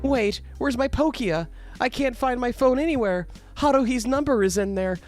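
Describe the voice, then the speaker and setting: A man's voice: very high-pitched, lively intonation, moderate pace, a little mellow, faint music behind, pitched above the performer's own voice. A man voicing an overexcited young male tourist who is obsessed with anime and peppers his speech with Japanese words. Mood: flustered. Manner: gushing, sprinkled with Japanese words.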